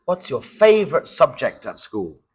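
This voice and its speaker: A man's voice: mid-range voice, sing-song, moderate pace, husky, faint music behind. A man acting as examiner in a mock English speaking test, asking simple questions and patiently repeating and rephrasing them. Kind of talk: mock oral exam questions.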